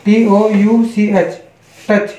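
A man with an Indian accent teaching English pronunciation, spelling each word letter by letter and giving its meaning in a slow, repetitive way. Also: sits high, level tone, warm tone, slight background noise. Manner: spells words letter by letter, then gives Hindi meanings. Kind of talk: online English pronunciation lesson. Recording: echoey, dull lo-fi room.

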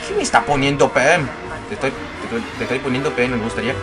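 A man playing a racing game and commenting playfully, yelping and shouting whenever he crashes. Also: medium pitch, racing. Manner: excitable, yelps and shouts at crashes. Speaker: gameplay commentator. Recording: game music loud behind voice.

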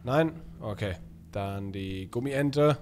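A man casually commenting on a horror game as he plays, excitable and joking, bantering in slang with an in-game baby. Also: on the low side, slow pace, slight background noise. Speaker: gaming YouTuber. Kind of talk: casual let's-play commentary.

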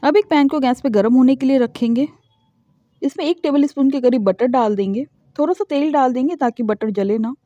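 A woman talks through a home recipe in a calm, instructional voice-over. Her voice sits high but has a mellow tone. The recording is dry and a little dull, like a lo-fi home take. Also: brisk, no echo. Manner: calm, instructional, explains each step. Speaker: cooking channel host. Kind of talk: step-by-step cooking voice-over.

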